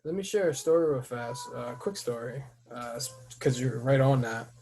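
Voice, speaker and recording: A man hosting a podcast who tells a story in casual chat. He swears freely and breaks into loud, heated outbursts as he retells it. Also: mid-range voice, lively intonation, moderate pace. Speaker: podcast host.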